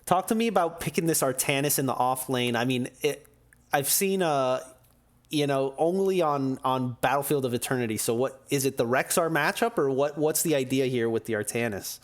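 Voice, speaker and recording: A man with a mid-pitched, everyday voice hosts a relaxed esports interview. He sounds upbeat and keeps prompting the players with questions. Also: moderate pace. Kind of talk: casual post-match interview.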